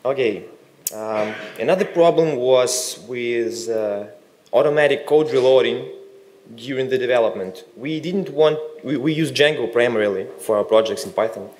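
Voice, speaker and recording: A man from Russia giving a technical conference talk, with relaxed joking asides. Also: mid-range voice, moderate pace, slight background noise. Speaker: conference speaker. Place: conference hall.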